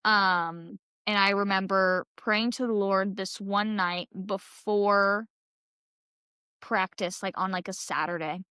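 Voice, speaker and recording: A woman's voice: mid-range voice, steady tone, slow pace, sharp tone, smooth, dry recording, studio quality. A young woman in her twenties, a podcast guest chatting casually and filling her story with "like" and "um". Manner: chatty, heavy use of "like" and "um". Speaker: podcast guest, college gymnast.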